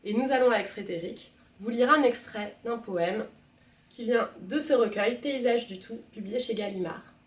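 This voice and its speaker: A woman librarian reading a poem aloud in a measured, soft expressive manner. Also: a little high, far from the mic. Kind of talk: poetry reading. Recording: roomy, from the mic.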